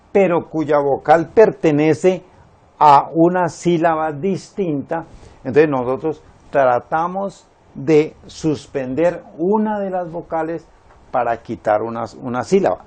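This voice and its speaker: A man teaching a Spanish grammar lesson, explaining syllables slowly and counting them out step by step. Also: fairly high pitch, a little mellow.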